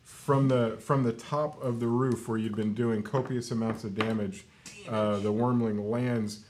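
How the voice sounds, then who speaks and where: A man acting as game master, describing tabletop fantasy combat in a measured storytelling manner. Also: medium pitch, steady tone, a little mellow, slight background noise.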